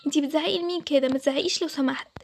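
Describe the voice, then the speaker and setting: A woman's voice: sits high, racing, gravelly. A woman voicing the groom's spiteful young sister, snippy and defensive, with an Egyptian accent. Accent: Egyptian Arabic.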